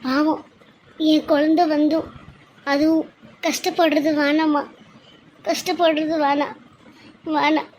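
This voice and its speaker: A woman's voice: sits high, little pitch movement, slow, long pauses, darkish tone, a little hiss or hum, poor audio. A woman voicing Trisha, a tearful pregnant young wife. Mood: tearful pleading. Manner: pleading, sobbing lament. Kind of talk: cartoon serial voice acting.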